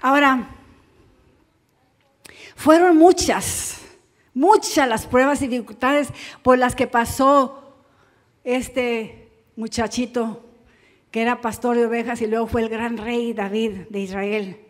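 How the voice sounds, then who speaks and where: A woman pastor, preaching a Bible study sermon fervently and growing louder as she makes her appeals. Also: fairly high pitch, little pitch movement, measured pace.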